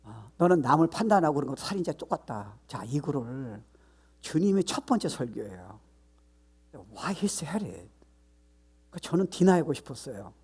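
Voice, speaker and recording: A man's voice: fairly high pitch, sing-song, normal speed, darkish tone, slightly rough. An older man, a pastor, preaching a sermon with emphatic delivery and frequent rhetorical questions.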